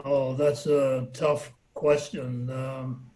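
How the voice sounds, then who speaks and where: An older man from New Orleans reminiscing in a measured, thoughtful way, with many pauses. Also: mid-range voice, little pitch movement, dark tone, rough recording. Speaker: alumnus guest. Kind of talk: casual reminiscing.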